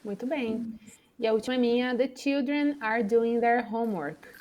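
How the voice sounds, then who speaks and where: Woman, Brazilian Portuguese accent, English teacher, slightly high voice, patient explaining, computer mic. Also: moderate pace, a little mellow, dull audio. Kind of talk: online class teaching. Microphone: computer microphone on a video call.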